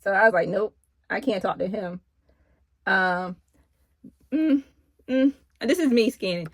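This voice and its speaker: A middle-aged woman casually telling a personal story in an animated, chatty way. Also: medium pitch, unhurried, no echo. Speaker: vlogger.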